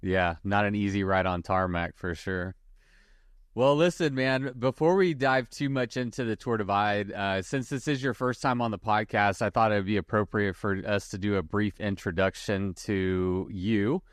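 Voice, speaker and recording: Man, podcast host, very deep voice, resonant, relaxed questions. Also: moderate pace, smooth, dry recording, studio quality. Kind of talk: casual interview on video call. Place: home studio, indoors. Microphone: boom microphone.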